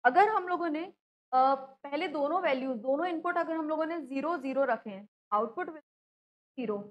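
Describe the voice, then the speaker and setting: High-voiced woman teaching a lecture. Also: brisk, lo-fi sound. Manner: explanatory, asks and answers own questions, frequent "theek hai". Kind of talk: classroom lecture explanation.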